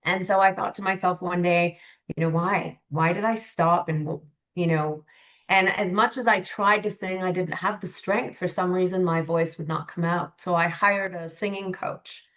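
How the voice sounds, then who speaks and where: A woman's voice: on the low side, steady tone, moderate pace, a bit bright. A woman from Canada, a life coach, speaking as a guest on an interview podcast in an earnest, reflective way with frequent fillers. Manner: reflective, earnest, many "you know" fillers.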